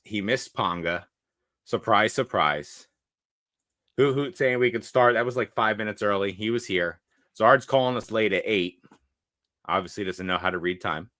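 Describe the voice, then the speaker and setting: A man's voice: lowish voice, a little slow, pauses often, fairly bright tone, dry recording, studio quality. A young man co-hosting a casual livestream podcast, joking around and greeting viewers in the chat. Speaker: podcast co-host.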